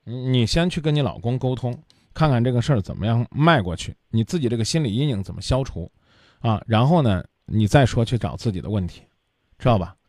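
Male advice host, blunt and lecturing, wide-ranging pitch, dry close sound. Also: expressive, brisk, a little mellow, no room sound. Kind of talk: radio call-in advice.

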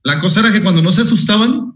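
Mexican man, animated storyteller, laughs a lot, higher voice; dull, echoey recording. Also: quick pace. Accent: Mexican Spanish. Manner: laughing, animated anecdotes with slang. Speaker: podcast guest, motivational speaker. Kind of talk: casual storytelling chat. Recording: echoey room, dull lo-fi sound.

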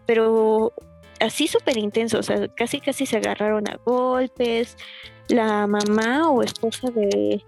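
Young mexican woman telling a story, high voice, lots of fillers, soft music in the back. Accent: Mexican Spanish. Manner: laughs often, chatty fillers, animated retelling. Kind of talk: casual storytelling.

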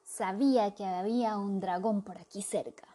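A woman reading a children's storybook aloud, narrating in an expressive way. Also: mid-range voice, moderate pace. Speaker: storybook reader.

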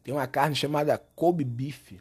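A hoarse, hungover man with a Brazilian accent, telling stories in a slangy, animated, sweary way as a comedian hosting a casual podcast. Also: medium pitch, measured pace. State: hoarse from a hangover and shouting. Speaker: podcast host and stand-up comedian. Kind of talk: casual comic podcast monologue.

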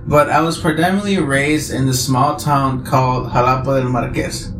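A man's voice: medium pitch, fairly even intonation, moderate pace, over music. A man from Oaxaca, Mexico, a guest chef, telling his story in a laid-back way, full of "you know.". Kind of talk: casual interview chat. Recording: echoey room, clear background noise.

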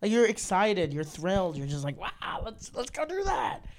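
A man's voice: high-pitched, huge pitch swings. A man in his twenties, a comedian, teasing a friend in casual chat. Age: 20s. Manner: teasing, drawn-out and playful.

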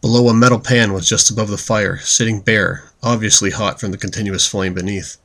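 Man, very low voice, audiobook narrator, steady descriptive reading. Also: fairly quick. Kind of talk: scripted storybook narration.

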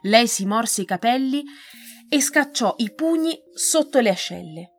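A woman reading a novel aloud, with expressive, measured storytelling. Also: on the high side, faint music behind. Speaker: reader.

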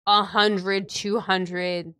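A woman game master casually describing scenes in a tabletop game, halting as she thinks aloud. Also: mid-range voice, little pitch movement, pushed and bright, no room sound.

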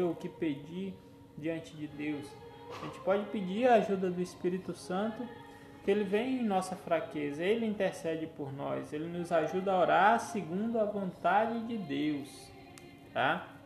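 A man preaching a teaching sermon, gently instructive and often checking in with his listeners. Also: high voice, creaky. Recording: echoey room with faint music.

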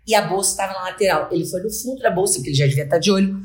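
A woman's voice: medium pitch, racing, a crowd in the background. A woman on a podcast, telling a story in a casual, dramatic way and acting out the people in it. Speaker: podcast co-host. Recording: roomy echo.

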